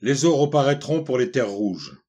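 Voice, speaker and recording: A man's voice: medium pitch, lively intonation, normal speed, darkish tone, natural voice. A man voicing a fervent, defiant young male watchman who speaks with vehemence and sincerity.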